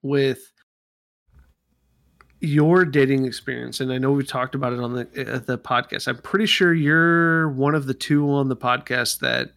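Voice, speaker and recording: A man's voice: mid-range voice, fairly even intonation, unhurried, vocal fry, fairly bright tone, no room sound. A man co-hosting a podcast in a casual group chat, asking questions in an informal, conversational way. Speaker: podcast co-host.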